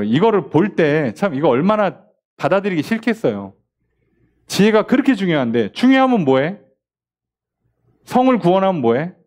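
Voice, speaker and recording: A man's voice: a little high, a little mellow. A man, a pastor, teaching a midweek Bible study in a conversational preaching style, firing off rhetorical questions and acting out little quoted exchanges.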